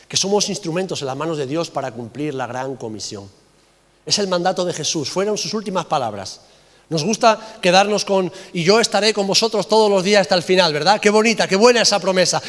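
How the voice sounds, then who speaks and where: A man preaching a sermon with passion, repeating phrases and dropping to soft emphasis. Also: sits high, big-room sound. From Spain. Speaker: pastor.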